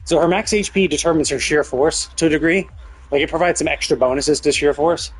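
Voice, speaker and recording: A game streamer gives casual live commentary, thinking aloud as he explains things and swearing mildly now and then. His voice is on the high side, brisk, with a breathy edge. The audio quality is poor.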